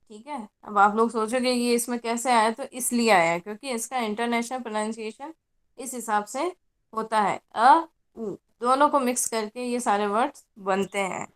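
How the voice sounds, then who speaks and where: Fairly high-voiced woman teacher explaining. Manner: patient, explanatory, checks with "ठीक है" often. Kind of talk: online class lecture.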